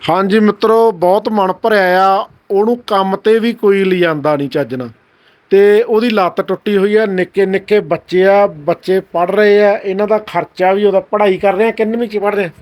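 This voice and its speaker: A man hosting a charity video, making gentle, earnest, repeated appeals to viewers. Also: sits high, brisk.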